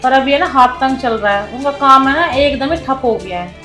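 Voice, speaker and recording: A woman's voice: sits high, moderate pace, bright, forceful tone, echoey room, soft background music. An actress playing a young tenant who pleads and argues with her landlord over late rent. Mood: pleading. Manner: pleading, defensive, explanatory. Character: struggling young female tenant, pleading but firm. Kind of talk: low-budget comedy film acting.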